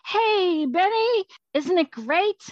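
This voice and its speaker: A woman voicing the mischievous, boastful ghost of a colonial gentleman in a storybook reading, gleeful and showy. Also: extremely high pitch, lively intonation, takes it slowly, no room sound, lo-fi sound, pitched above the performer's own voice, heavily acted.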